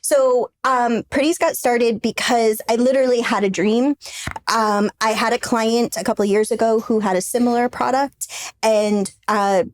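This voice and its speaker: A woman's voice: fairly high pitch, steady tone, normal speed. A woman, a brand founder, talking as a podcast guest in a casual, chatty way, full of fillers and restarts.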